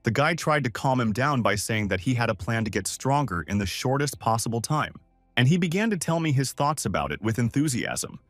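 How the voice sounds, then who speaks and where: Male recap narrator, animated storytelling, dry close sound, soft music behind. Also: mid-range voice, fairly quick, no room sound. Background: faint music.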